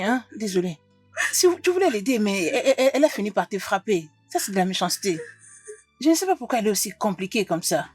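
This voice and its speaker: A royal mother in a French film dub, coaxing and soothing with a husky, slightly high voice. The sound is dry and close. Quiet music plays behind her. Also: no echo. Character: fussing royal mother of middle age. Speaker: mother, queen.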